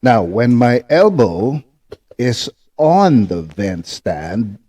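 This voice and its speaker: Man, slow unhurried delivery, patient instructor, hands-on lesson to camera, repeats points, frequent tag questions. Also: mid-range voice, sing-song, dark tone. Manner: patient, repetitive, checks in with short tag questions. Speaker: ventriloquism instructor.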